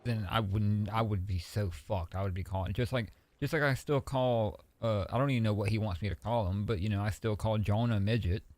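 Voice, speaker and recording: A man streaming, chatting casually in a relaxed, rambling way and swearing freely. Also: on the low side, a little fast, hardly any pauses, no room sound.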